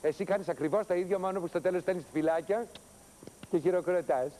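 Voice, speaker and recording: An actor playing an exasperated TV producer who nags and lectures a new hire. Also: male voice, high-pitched, mellow, slight background noise, natural voice. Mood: lecturing. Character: exasperated TV show producer, a middle-aged man. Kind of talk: TV sketch comedy acting.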